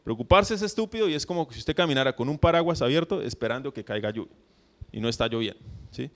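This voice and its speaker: A man's voice: mid-range voice, animated, fast talker. A man preaching a sermon as a pastor, talking conversationally and constantly checking in with his listeners. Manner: acts out mock prayers in a put-on voice.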